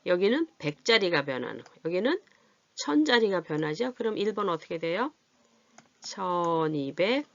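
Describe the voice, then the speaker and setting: In a classroom math lesson, an adult literacy teacher with a medium-pitched, sing-song, slightly bright voice patiently shows her learners how to read and write large numbers. She often asks if they follow, checking understanding with questions, and draws out her counting as she writes. The recording is dull, dry, and lo-fi.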